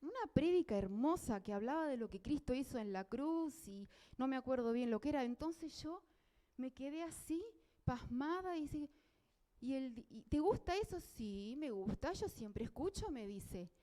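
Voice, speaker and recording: A woman with a Uruguayan accent shares a heartfelt testimony before a congregation. She sits high in her register, and her tone stays mellow and soft-edged. She slips into the voices of the people in her story as she tells it. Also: animated, normal speed. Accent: Uruguayan Spanish. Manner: heartfelt storytelling, acting out dialogue. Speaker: church member giving a testimony. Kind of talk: spoken testimony.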